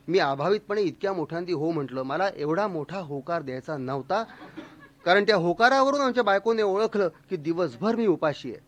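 A man telling a humorous story in a lively, expressive, mock-dramatic way. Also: fairly high pitch.

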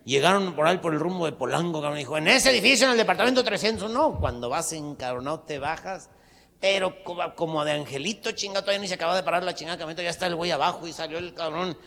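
A man's voice: on the high side, quick pace, creaky, fairly bright tone. A man with a Mexican accent telling a crude stand-up joke, full of slang and rambling asides. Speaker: comedian.

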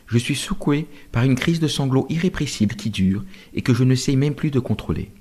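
A man reads a novel aloud in an expressive, dramatic storytelling manner. His voice is husky and mellow and rises and falls a great deal. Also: medium pitch. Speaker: narrator. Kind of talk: audiobook narration of a novel.

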